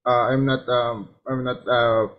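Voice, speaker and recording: A man who is not a native English speaker, talking haltingly on a video call. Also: medium pitch, little pitch movement, narrow, tinny audio, a little hiss or hum. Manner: halting, with many fillers and restarts. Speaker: meeting member. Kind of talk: casual video-call chat.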